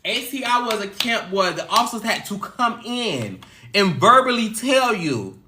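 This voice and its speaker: A woman hosting a casual livestream chat, telling stories in an expressive, animated way. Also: mid-range voice, measured pace, echoey room, slight background noise. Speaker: livestream host.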